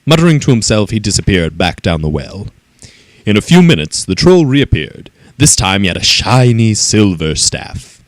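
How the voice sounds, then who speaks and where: A man reading a children's story aloud in an expressive, animated way. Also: lowish voice, moderate pace, no echo.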